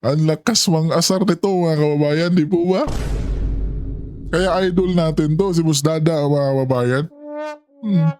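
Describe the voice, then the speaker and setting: A man's voice: on the high side, measured pace, pauses often, mellow, faint music behind. A man hosting a casual reaction commentary, often addressing his viewers and laughing in asides. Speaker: commentary channel host.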